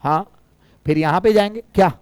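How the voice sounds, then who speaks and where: A male physics teacher with a Bihari Hindi accent, a little hoarse, teasing and coaxing his students to answer in a live classroom lecture. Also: sits high, fairly quick, dry recording.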